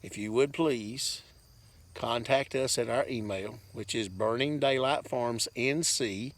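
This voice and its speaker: Speaking slowly in a mid-range voice, this farm vlogger stands outdoors on his farm with a handheld camera. He offers viewers a folksy, plainspoken update that rambles casually.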